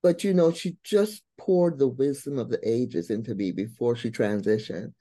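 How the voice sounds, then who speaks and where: An older woman from Barbados, a guest on a radio interview, telling her story in a lively, humorous way. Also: rumbling low, moderate pace, no room sound. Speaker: guest, brain and behavior coach.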